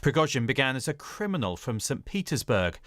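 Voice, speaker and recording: Mid-pitched male news report narrator. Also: big pitch swings, fairly quick, fairly bright tone, no echo, studio quality. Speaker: security correspondent.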